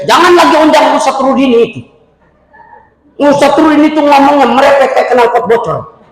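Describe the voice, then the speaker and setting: High-voiced shouting male preacher, echoey hall. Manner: lively storytelling, often shouting for emphasis. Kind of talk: humorous sermon. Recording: echoey hall with faint noise.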